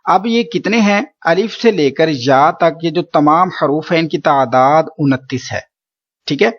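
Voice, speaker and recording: A man's voice: fairly high pitch, lo-fi sound. Man teaching recitation, patient and repetitive. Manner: patient, repeats points with "theek hai". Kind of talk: explanatory lesson.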